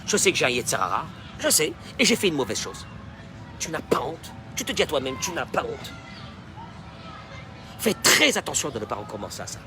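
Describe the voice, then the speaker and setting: A man preaching a sermon as a rabbi, dropping in Hebrew phrases and swinging from quiet talk to shouting. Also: medium pitch, big pitch swings, fairly quick, long pauses, music in the background. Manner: mixes Hebrew phrases into his speech.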